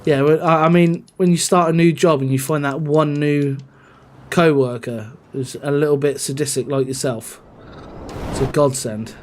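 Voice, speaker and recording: A man's voice: a little high, steady tone, moderate pace, a little mellow, slight background noise. A man chatting casually on a gaming live stream, rambling and answering his chat.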